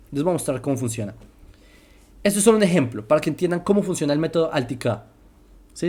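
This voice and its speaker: Lesson presenter, explanatory commentary, spells out terms slowly, keeps checking the listener follows. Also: medium pitch, darkish tone. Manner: slows down to spell out terms and examples. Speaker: video presenter explaining religious texts.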